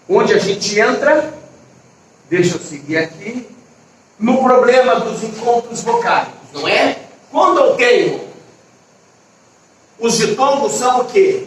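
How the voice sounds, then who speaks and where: A man with a high voice explaining grammar to a class, stopping often to ask if they are following. He sounds set back from the mic in a very echoey room, with a faint hiss behind him. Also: fairly bright tone, recorded from a distance. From Brazil. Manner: explanatory, checks in with students often. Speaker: teacher. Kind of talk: online grammar lesson.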